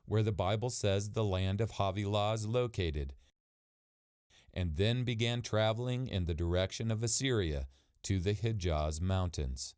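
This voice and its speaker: Man, middle-aged, lowish voice, dry close sound, earnest documentary presenter, explains carefully. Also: darkish tone, clean tone, dry recording. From Saudi Arabia. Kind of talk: travel documentary narration.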